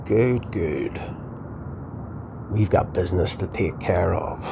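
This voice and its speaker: Low-voiced, menacing crime boss. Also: male voice, slow, gravelly, exaggerated voice. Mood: cold, threatening. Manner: domineering, swearing, clipped commands. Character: menacing foul-mouthed male crime boss, impatient and domineering. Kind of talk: naturalistic screen drama acting. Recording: noisy, rumbling car interior ambience.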